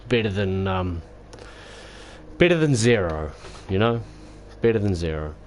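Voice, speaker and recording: A low-voiced man winds down after a sim race, sounding tired and sore as he rambles through his result. He stumbles and restarts often, fillers everywhere, picking apart his own driving. A faint hiss of noise sits under the voice. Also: sing-song. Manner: rambling, self-critical, halting with many fillers. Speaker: sim racing streamer. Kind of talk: casual post-race wrap-up.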